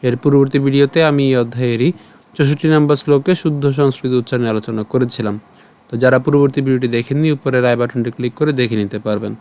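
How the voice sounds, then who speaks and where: A man teaching Sanskrit verse pronunciation, breaking each word into slow syllables and explaining them clearly. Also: mid-range voice, a little mellow. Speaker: Gita recitation teacher.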